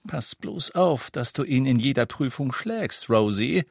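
A man's voice: mid-range voice, animated, a little slow, creaky, breathy edge, dry recording, clean studio sound, voice pushed up, full character voice. A man voicing a joking, teasing father talking to his daughter.

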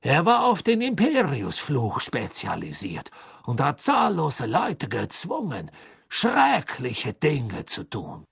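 A man's voice: medium pitch, huge pitch swings, takes it slowly, vocal fry, breathy edge, no echo, studio quality, pitched above the performer's own voice, exaggerated voice. A man voicing a panicked middle-aged male prisoner who pleads and cries out in desperation. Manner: desperate, pleading, breaking into shouts.

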